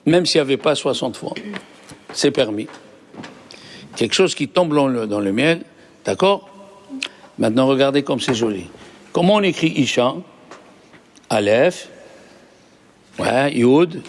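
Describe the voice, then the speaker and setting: Rabbi teaching a lively class. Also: male voice, a little high. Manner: asks the class questions, explains patiently. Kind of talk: lively Torah lesson.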